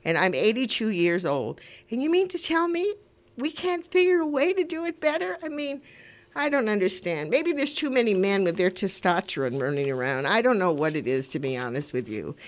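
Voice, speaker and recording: Een vrouw van in de tachtig, die als radiopresentatrice mededelingen doet en er oprecht en uitweidend bij praat. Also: female voice, medium pitch, sing-song, normal speed. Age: 80s. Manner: earnest, rambling, conversational. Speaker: community radio host. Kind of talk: casual radio talk with announcements.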